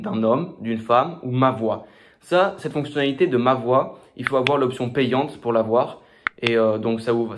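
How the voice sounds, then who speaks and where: A man hosting a screen-recorded software tutorial, talking casually with many fillers and restarts. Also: mid-range voice. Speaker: tutorial host.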